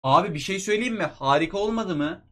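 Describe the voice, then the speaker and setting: A young man giving excited commentary on a mobile football game, talking to his viewers like friends. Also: high voice, fast talker.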